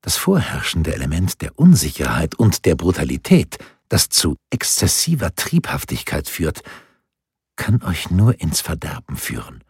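A man voicing a calm, alluring woman who reads cards in an audiobook, speaking in a husky, measured way. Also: extremely low pitch, no echo, clean studio sound, exaggerated voice. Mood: counseling. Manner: measured, advising. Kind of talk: audiobook character voice.

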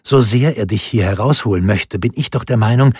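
An anxious, determined noblewoman speaks with urgency, voiced by a man. The voice stays low and very husky, with little disguise. The recording is close and dry, like a storybook narration. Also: a little fast, darkish tone, dry recording. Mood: worried. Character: worried noblewoman, devoted wife, firm.

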